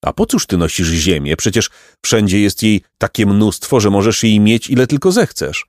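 A man's voice: fairly low pitch, animated, moderate pace, no room sound, clean studio sound, lightly acted. A man reading curious young wanderers. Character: two curious young boys, wandering travellers.

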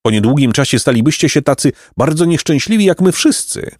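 A man's voice: fairly high pitch, animated, brisk, darkish tone, no echo, clean studio sound, pitched above the performer's own voice. A man voicing a tormented old man of gold in an audiobook, speaking in exclaiming, sighing tones and a heated near-whisper. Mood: grave. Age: older. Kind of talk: audiobook character reading.

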